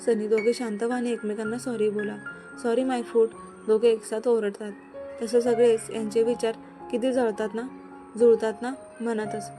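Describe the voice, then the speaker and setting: A woman's voice: on the high side, level tone, normal speed. A woman reading a romantic serial story aloud, voicing all the characters herself without much change in her voice. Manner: reads every character herself with little change in voice. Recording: music bed under voice.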